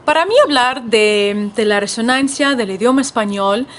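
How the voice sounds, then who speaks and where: A woman with a slightly high voice talks through a reflective personal monologue for a podcast. Her Spanish slides between several accents, and she often pauses and restarts. Faint noise sits under the recording. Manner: thoughtful, with frequent restarts and fillers. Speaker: podcast host and language author. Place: California.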